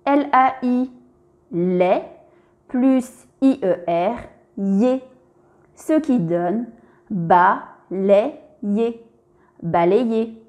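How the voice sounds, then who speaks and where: A woman's voice: mid-range voice, warm tone. A woman narrating a scripted reading lesson for young children, spelling out letters and syllables one by one and speaking to the child directly.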